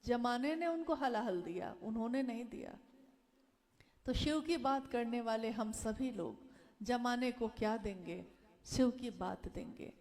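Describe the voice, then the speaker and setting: A woman speaks to a devotional gathering in a high voice. She talks slowly and earnestly. She pleads with her listeners and repeats her key phrases. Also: a little mellow. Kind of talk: devotional talk.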